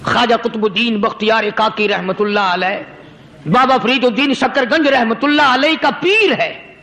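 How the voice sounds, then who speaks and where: A male preacher narrates a moral story in a sermon. His voice is very high and bright, and his delivery is earnest and exhortative. He often poses rhetorical questions. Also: creaky.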